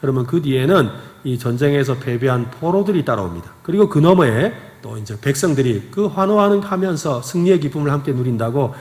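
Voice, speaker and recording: A male pastor with a Gyeongsang accent preaches in an earnest storytelling manner. His voice is medium in pitch but very lively, rising and falling with each phrase, and a long church-hall reverb hangs after his words. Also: a little fast, few pauses. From Gyeongsang region, South Korea. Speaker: senior pastor. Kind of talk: sermon. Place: church sanctuary.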